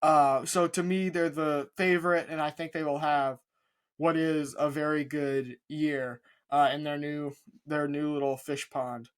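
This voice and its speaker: A man's voice: a little high, level tone, unhurried. A young man co-hosting a casual sports talk show, talking confidently through his picks with frequent fillers. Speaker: podcast co-host.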